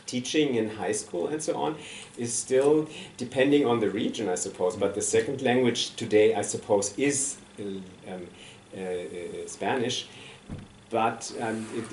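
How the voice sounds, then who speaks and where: A man's voice: medium pitch, a little slow, darkish tone. A man commenting at an academic discussion, speaking hesitantly with many fillers. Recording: roomy distant sound with faint noise.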